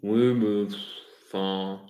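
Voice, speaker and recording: Soft-spoken, halting man, roomy echo. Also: fairly low pitch, steady tone. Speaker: show commentator. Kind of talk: casual live-show chat.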